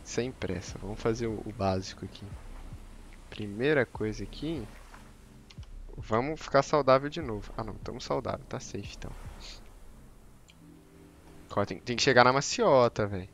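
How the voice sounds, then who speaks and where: A man's voice: medium pitch, moderate pace, pauses often, a bit bright, slight background noise. A man giving slangy, joking gameplay commentary on a live stream and teasing his chat. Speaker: game streamer.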